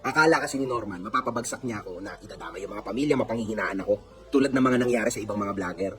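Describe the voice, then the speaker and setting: A man's voice: on the low side, rapid-fire, music in the background. A man with a Filipino accent talking in a casual commentary vlog, mixing in English phrases and laughing often. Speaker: vlogger.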